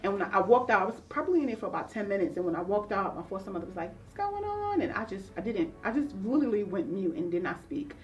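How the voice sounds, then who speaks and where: An earnest woman counselor tells her own story in an interview, reflective and open. She sits a little back from the microphone. Soft music plays faintly underneath. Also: mid-range voice, animated, racing, hardly any pauses, distant mic. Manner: earnest and reflective, acting out remembered voices. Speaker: counselor guest.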